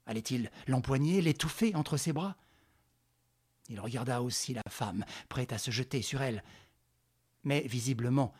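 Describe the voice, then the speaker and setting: A man narrating a radio drama in a measured, dramatic storytelling manner. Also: mid-range voice, husky.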